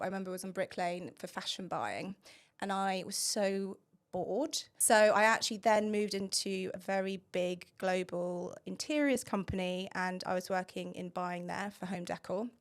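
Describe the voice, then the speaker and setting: Woman, 30s, from England, mid-pitched, chatty and long-winded guest. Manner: talkative, laughs often, long-winded. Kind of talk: casual chat.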